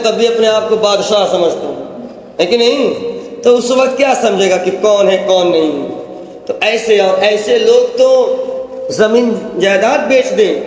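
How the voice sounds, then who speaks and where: A man's voice: sits high, darkish tone. A man preacher giving a storytelling sermon in a conversational way, often asking the audience questions, recorded in a large echoey hall. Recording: echoey hall with long reverb.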